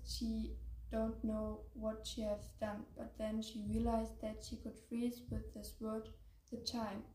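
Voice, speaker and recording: A young teenage girl with a German accent tells a story in halting English. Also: fairly high pitch, dark tone. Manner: halting non-native English. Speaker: student storyteller. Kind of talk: story presentation. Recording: echoey room with faint noise.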